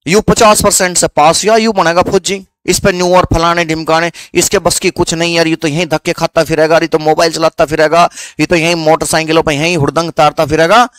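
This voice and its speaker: Man putting on haryanvi neighbours mocking some kid, high voice, dry close sound. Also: level tone, brisk, few pauses, a bit bright, smooth, no room sound, lightly acted. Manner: jeering, dismissive taunts. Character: mocking village neighbours taunting a youth.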